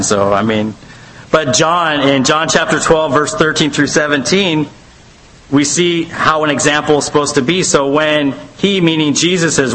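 A man's voice: a little high, fairly bright tone, poor audio. A man teaching a church Bible study in a conversational, rambling way, full of fillers and asides.

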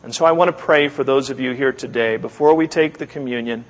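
A man preaching as a pastor, closing a sermon with earnest, measured exhortation, pausing and repeating his phrases. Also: mid-range voice. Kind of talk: sermon with closing prayer and altar call. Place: church service, speaking to a congregation. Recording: long echo of a large room.

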